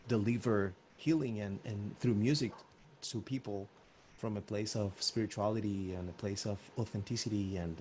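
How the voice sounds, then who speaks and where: A man's voice: lowish voice, steady tone, moderate pace, darkish tone, a little hiss or hum. A man from Cuba, a musician, speaking reflectively about music and spirituality on a video call. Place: Barcelona home.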